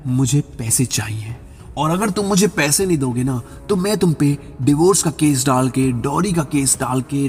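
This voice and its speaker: A man's voice: a little high, darkish tone, close to an everyday voice. A man voicing a scheming, greedy young wife who talks in a cold, demanding way. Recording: reverberant voice-over with background music.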